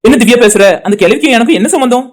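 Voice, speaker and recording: Cartoon young woman, woman voicing, twenties, Tirunelveli Tamil accent, slightly high voice, very fast, soothing, pleading.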